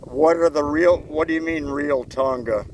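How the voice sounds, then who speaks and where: A man's voice: on the high side, moderate pace. A man from Canada interviewing outdoors, asking questions hesitantly and often restarting them. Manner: hesitant, starts questions twice. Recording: windy outdoor recording, boat noise.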